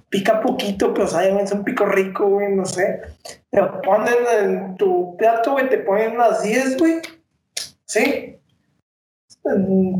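A man's voice: high voice, darkish tone. A young man tells stories in heavy slang with a joking drawl. His voice rings around an echoey room over a faint hiss. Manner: slangy, joking, drawn-out storytelling. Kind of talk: casual chat.

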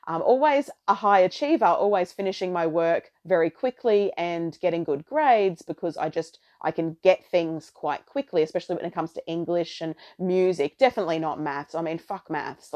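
A middle-aged woman with a slightly low voice talks as a solo podcast host. She is chatty and a little theatrical, wandering loosely from one thought to the next in a casual, conversational style. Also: darkish tone. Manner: chatty, rambling, tangential.

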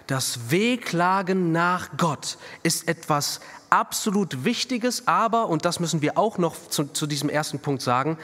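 Preaching man in a reverberant hall. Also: high-pitched. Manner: animated preaching, swings from hushed to emphatic. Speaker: pastor. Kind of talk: sermon. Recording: long reverb of a church hall.

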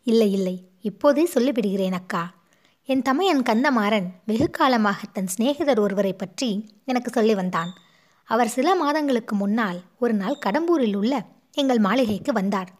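A woman's voice: fairly high pitch, lively intonation, moderate pace. A woman doing a sobbing, pleading young noblewoman. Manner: pleading, sobbing between words. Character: distraught young noblewoman, pleading and guilt-stricken.

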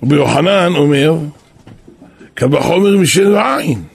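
Very raspy, animated male rabbi. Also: fairly high pitch. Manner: animated storyteller who bursts into shouts for emphasis. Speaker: rabbi and kabbalist teacher. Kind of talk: Torah sermon with storytelling.

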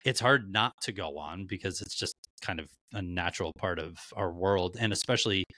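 A man hosts a podcast with a low, bright, forceful voice. He talks candidly and loosely, swearing without a second thought. The sound is dry and close. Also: moderate pace, dry recording. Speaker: podcast host. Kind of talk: casual podcast chat.

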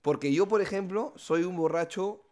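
A man's voice: sits high, normal speed. A young man, co-hosting a casual comedy podcast and telling stories with lots of swearing and acted-out voices. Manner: animated storytelling, swearing, acting out voices. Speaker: podcast co-host.

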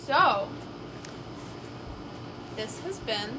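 A woman's voice: fairly high pitch, big pitch swings, extremely slow, sharp tone, slight background noise. A woman co-hosting a casual home podcast, chatty and often echoing or finishing the others' sentences. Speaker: podcast co-host. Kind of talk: casual chat. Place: home, indoors.

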